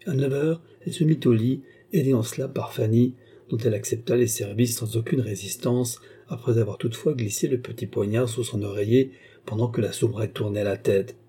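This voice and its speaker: A man narrating a classic French novel in a measured storytelling manner. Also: medium pitch, steady tone, dark tone, slightly rough. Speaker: audiobook reader. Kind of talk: scripted narration.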